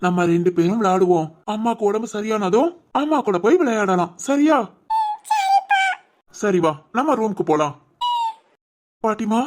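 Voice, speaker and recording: A woman voicing a patient young father who soothes his crying daughter, in an animated family story. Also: mid-range voice, noisy background, close to an everyday voice. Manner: soothing, reassuring.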